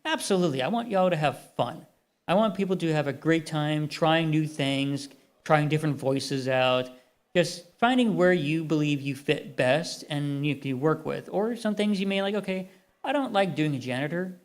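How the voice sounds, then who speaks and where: A man's voice: a little high, normal speed. A man hosting a convention panel who narrates a script reading and then talks in a rambling, chatty way, often correcting himself.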